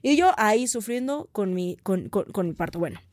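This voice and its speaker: A woman's voice: medium pitch, very animated, normal speed, a little mellow, no room sound, clean studio sound. A woman with a Mexican accent telling a personal story to her viewers in a frank, profane, chatty way with lots of fillers. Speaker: vlogger.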